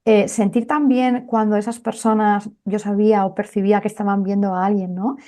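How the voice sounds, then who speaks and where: A woman's voice: mid-range voice, flat delivery, a little fast, mellow. A woman doctor telling a personal story in an interview, in a conversational way with many fillers.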